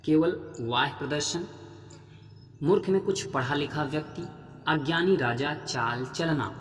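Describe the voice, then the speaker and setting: A man's voice: fairly high pitch, measured pace, reverberant, long reverb tail, soft background music. A man teaching Hindi grammar for a police exam, patient and repetitive, with a regional Jharkhand accent. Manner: patient, addresses viewers as friends, repeats "theek hai". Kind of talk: explaining grammar practice questions.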